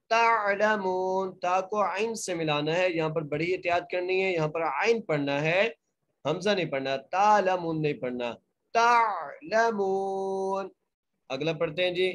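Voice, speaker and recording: A man teaching Quran recitation in an online class, explaining each letter rule plainly and then chanting each word slowly and drawn out. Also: on the high side. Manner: polite, asks students to mute. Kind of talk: online Quran tajweed lesson.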